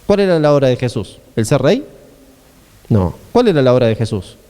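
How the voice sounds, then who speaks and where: A man's voice: medium pitch, big pitch swings, moderate pace, warm tone, long reverb tail. A man with an Argentine accent preaching a sermon as a pastor, in a conversational style with many rhetorical questions.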